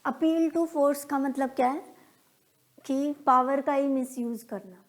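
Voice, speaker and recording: A woman's voice: high-pitched, slow. A woman with an Indian accent teaching a classroom lesson on logical reasoning, patiently asking questions and then answering them herself. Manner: acts out everyday examples in quoted dialogue.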